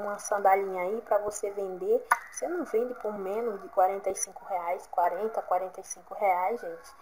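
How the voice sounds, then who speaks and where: A woman's voice: medium pitch, darkish tone, slight background noise, rough recording. A Brazilian woman chatting casually from home as she shows her craft work to viewers, encouraging them as she goes. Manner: chatty, encouraging, keeps saying "gente" and "olha". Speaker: crafts vlogger.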